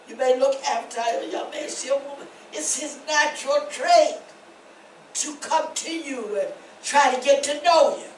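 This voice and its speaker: An older woman pastor preaching a testimony sermon, rising to shouts and laughing. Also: high-pitched, moderate pace, a little hiss or hum. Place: church. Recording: echoey church from far off.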